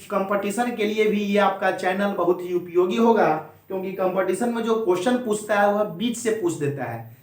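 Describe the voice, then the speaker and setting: A man teaching a Hindi grammar lesson at a board, drilling each point slowly and repeating it while he speaks straight to his students. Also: sits high. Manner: slow, repetitive drilling, addresses students directly. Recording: very echoey room.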